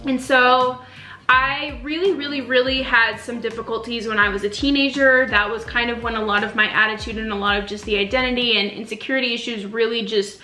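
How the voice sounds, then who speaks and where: A woman's voice: on the high side, fairly even intonation, fairly quick, pushed and bright. A young woman born in Romania, earnestly chatting in a casual sit-down faith vlog, with many ums and likes. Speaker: faith vlogger. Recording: roomy echo with faint music.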